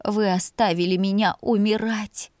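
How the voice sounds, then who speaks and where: A woman's voice: mid-range voice, fairly even intonation, a little slow, darkish tone, dry recording, clean studio sound, natural voice. A woman voicing an anguished young woman who sobs as she hurls accusations. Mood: accusing. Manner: sobbing, accusing.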